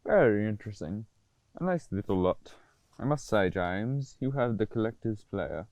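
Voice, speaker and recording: A man's voice: fairly low pitch, expressive, normal speed, a little mellow, dry recording, highs cut off. A man playing a stern, touchy Edwardian clergyman and father in an amateur period drama, pompous and formal. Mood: stiffly polite.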